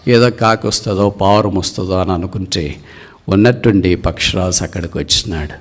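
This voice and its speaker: A male preacher with a low voice delivering a storytelling sermon. he builds the parable dramatically, his voice surging up in pitch and loudness at the key moments.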